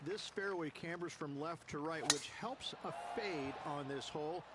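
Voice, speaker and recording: Higher-voiced male golf analyst over loud noise. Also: normal speed, over a noisy crowd. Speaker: golf commentator, course analyst. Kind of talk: explanatory golf commentary in a video game. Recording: loud ambient noise behind.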